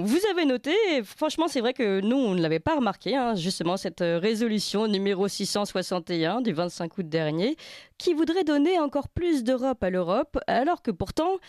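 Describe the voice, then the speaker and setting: A woman's voice: mid-range voice, dry recording. Emphatic woman radio host, dry studio sound. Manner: emphatic, lively stresses on key words. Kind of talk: radio talk show presenting.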